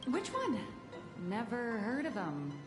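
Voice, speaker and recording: A woman voicing a wry, expressive young woman who is a comic artist, in game audio with music behind. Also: a little high, slow pace, echoey room, heavily acted.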